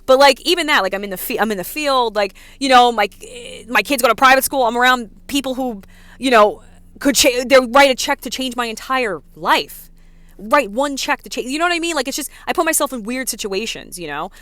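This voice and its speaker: A woman in her thirties with a New York accent, ranting casually to her vlog audience, talking fast and packing her speech with "like" and "you know.". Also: a little high, animated, a bit bright, no echo. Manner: fast, filler-heavy talk with many "like"s and "you know"s. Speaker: vlogger. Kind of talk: casual rant to camera.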